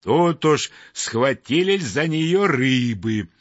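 A man slowly narrating a fairy tale in an expressive storytelling voice. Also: medium pitch, no room sound. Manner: slow, expressive, wide-ranging. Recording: dull dry lo-fi recording.

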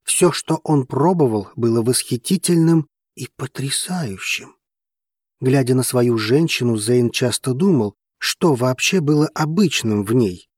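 A man reading a novel aloud as an audiobook narrator, steady and even. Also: medium pitch, measured pace, slightly rough, dry recording, studio quality.

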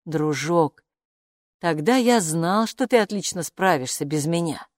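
A woman voicing a magical talking bathrobe, a calm male know-it-all who speaks in an unhurried, patronizing way in a storybook. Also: on the low side, no echo, studio quality. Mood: sly patronizing. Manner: unhurried, patronizing, calls her "friend".

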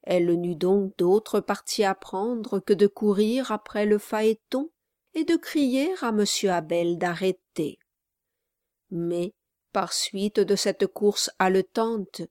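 Slow, measured woman reading a novel. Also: medium pitch, no echo, studio quality. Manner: measured, even storytelling. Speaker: audiobook reader. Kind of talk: scripted narration of a classic novel.

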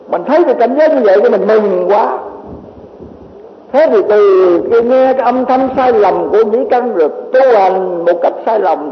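A man, a Buddhist monk, giving a doctrine lecture, asking rhetorical questions and repeating filler words. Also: high voice. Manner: addresses listeners as a teacher. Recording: echoey hall, dull lo-fi with faint hiss.

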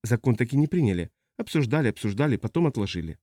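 A man voicing a calm, confident woman starship captain, soft and dry. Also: mid-range voice, fast, no echo.

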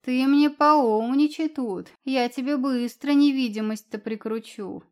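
A cranky, commanding familiar cat acted by a woman in an audiobook, barking orders in a snide tone. He speaks loudly and bosses everyone around. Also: on the high side, steady tone, moderate pace, clean tone, lightly acted. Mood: gruff. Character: grumpy bossy male familiar cat.

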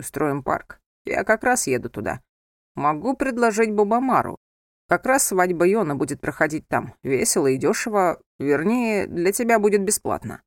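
A woman voicing a smug, scheming young man who smirks and lies smoothly in a lowered voice. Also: no echo, studio quality. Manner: smirking, sly.

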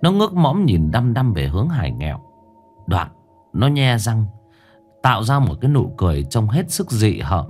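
Một người đàn ông kể truyện ma, giọng kể sinh động và kịch tính. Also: male voice, lowish voice, big pitch swings, normal speed, a little mellow, faint music behind. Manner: dramatic, vivid. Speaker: storyteller. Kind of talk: ghost story narration.

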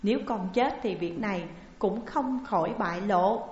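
A woman's voice: mid-range voice, moderate pace, darkish tone, lightly acted. A woman voicing an anguished noble mother who speaks with anxious, distressed pleading. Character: anguished noble mother, wife of a stern lord. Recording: dull, echoey recording with long reverb.

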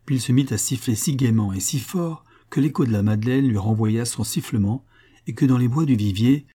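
Man narrating an audiobook, mellow tone, calm and even. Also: mid-range voice, a little fast, breathy edge.

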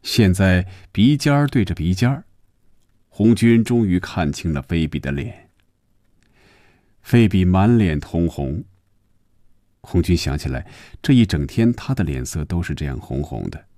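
A man narrating a story in an expressive, measured storybook radio reading. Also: low voice, no room sound, clean studio sound.

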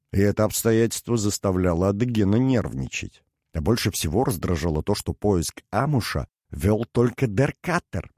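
A man reading a novel aloud as an audiobook narrator, measured and even. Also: fairly low pitch, no echo, clean studio sound.

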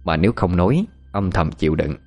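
Male horror-story narrator, very low voice, steady delivery, soft music bed. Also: a little fast.

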